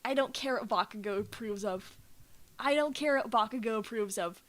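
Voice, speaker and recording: A woman streamer telling an animated story between game lines, laughing often, swearing freely and talking back to her chat. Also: a little high, moderate pace. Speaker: streamer playing a visual novel.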